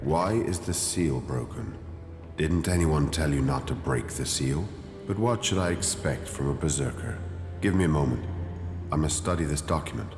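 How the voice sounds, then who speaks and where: A stern cleric leader from a video game, low-voiced and formal, with a haughty edge. His words ring through a reverberant hall over clear background music. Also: lively intonation, normal speed. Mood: stern, disdainful. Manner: formal, condescending.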